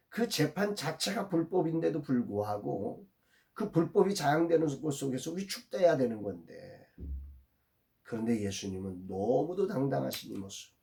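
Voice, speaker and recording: Brief: middle-aged male pastor, mellow dark tone, calm reflective devotional, reads verses then explains. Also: medium pitch, gravelly. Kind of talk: devotional Bible meditation.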